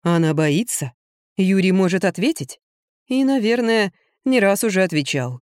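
A woman reading an audiobook, voicing a tired, level-headed woman friend who explains things calmly. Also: medium pitch, moderate pace, dry recording, clean studio sound, lightly acted. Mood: weary. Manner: weary, calm explaining.

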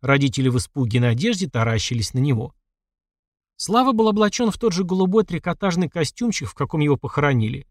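A man narrating a horror audiobook with expressive, lively delivery. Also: fairly high pitch, quick pace, no echo, studio quality.

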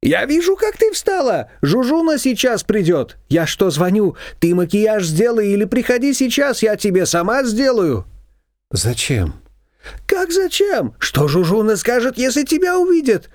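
A man's voice: high-pitched, huge pitch swings, darkish tone, dry recording, clean studio sound, voice pushed up, heavily acted. A man reading an audiobook voicing a bossy, meddling middle-aged female neighbor who scolds and gives orders. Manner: pushy, scolding, rapid-fire demands.

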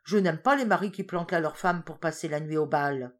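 A woman's voice: low voice, brisk, natural voice. A woman doing a scolding tiger wife. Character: sharp-tongued, scolding female tiger wife. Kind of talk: storybook reading.

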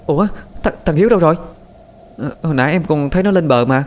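A man voicing a panicked young older sister who searches for her brother, pleading in a high, frantic voice. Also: expressive, quick pace, natural voice. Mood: worried.

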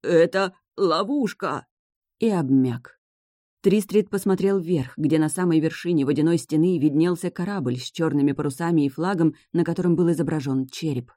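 Dry close-miked storybook narrator. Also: male voice, on the high side, fairly quick, hardly any pauses, warm tone, no room sound. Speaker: audiobook narrator. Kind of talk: scripted fantasy narration.

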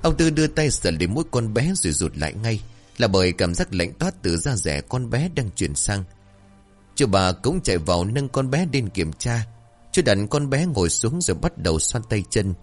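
A man narrates a folk horror tale with a steady, measured delivery. His voice sits low. Faint music runs under the reading. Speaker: storyteller.

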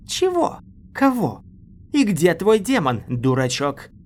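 A man voicing a rough, loud-mouthed woman enforcer who barks and snarls at others in an audiobook. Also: high-pitched, wildly swooping pitch, slow, a little hiss or hum, voice pushed up, full character voice. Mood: mocking. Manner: barking, snarling.

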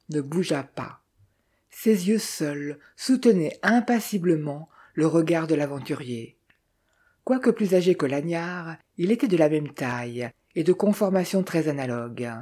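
A narrator reading a novel aloud in an even, measured way. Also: mid-range voice, slightly rough. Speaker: audiobook narrator.

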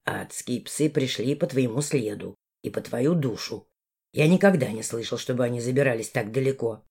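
A woman voicing a stern, protective male raven in a storybook reading, with a low, grave voice and curt questions. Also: expressive, moderate pace, mellow, slightly rough, full character voice. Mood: wary.

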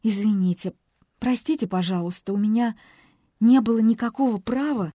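A woman's voice: on the high side, moderate pace, warm tone, dry recording, studio quality, pitched above the performer's own voice, lightly acted. A woman voicing a shaken, tearful young woman who speaks in a trembling voice. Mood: embarrassed, polite. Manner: trembling, emotional.

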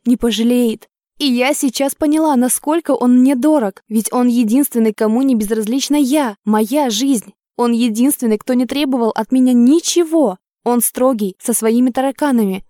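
A woman's voice: fairly high pitch, mellow, no room sound, clean studio sound. A woman reading a first-person novel aloud, tense and emotional. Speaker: audiobook reader.

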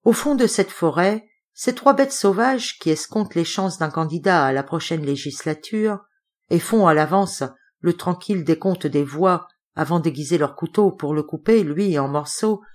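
A woman narrating a classic novel as an audiobook reader, with lively expressive storytelling. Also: deep voice, normal speed.

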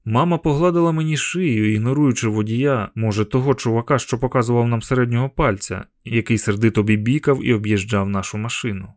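A man narrating an audiobook in an even, measured reading. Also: mid-range voice, dry recording. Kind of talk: scripted narration. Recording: dry close studio sound.

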